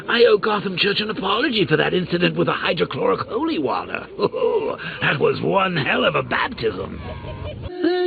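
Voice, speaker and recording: The Joker, gravelly and manic. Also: male voice, narrow, tinny audio, heavily acted. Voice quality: gravelly, theatrical, swooping pitch. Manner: mocking, sing-song, bursts of manic laughter. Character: cackling, taunting male criminal clown, middle-aged. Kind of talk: video game voice lines.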